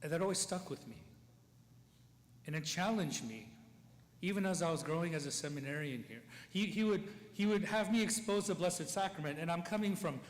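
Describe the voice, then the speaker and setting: A priest giving a eulogy at a funeral mass, talking in a conversational way, checking in with the listeners and chuckling between stories. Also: male voice, sits high, expressive, a little fast. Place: church. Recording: long church reverb, faint ambient noise.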